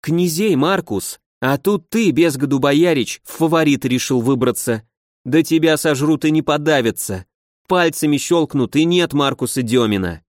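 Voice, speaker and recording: A man reading an audiobook voices a sharp-tongued young noblewoman who scolds and lectures her brother. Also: on the high side, normal speed, no echo, studio quality, natural voice. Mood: lecturing. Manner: scolding, exasperated.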